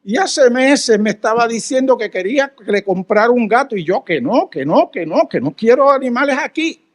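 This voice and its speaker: A preacher voicing an excited elderly church woman. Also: very high-pitched, moderate pace. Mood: telling.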